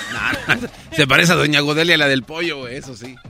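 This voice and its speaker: A man's voice: a little high, a little fast, gravelly, faint music behind. A Mexican man co-hosting a radio show, teasing and joking in slangy chat. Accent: Mexican Spanish. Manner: teasing, slangy, loud outbursts. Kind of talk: casual comedic radio chat.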